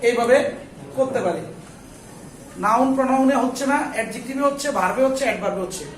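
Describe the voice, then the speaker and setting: A man's voice: extremely high pitch, fast talker, a little hiss or hum. A man teaching an English grammar class, firing questions at the students and answering them himself, and scolding anyone who chats. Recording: echoey classroom from far off.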